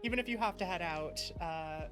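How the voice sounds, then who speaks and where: With music in the background, a woman streamer talks a little fast in a fairly low-pitched voice. Her casual chat to viewers is affectionate, effusive and thankful.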